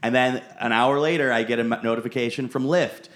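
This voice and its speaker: A man's voice: mid-range voice, steady tone, a little fast, a bit bright. A man co-hosting a podcast, chatting casually, rambling and swearing as he goes. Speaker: podcast co-host. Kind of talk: casual chat.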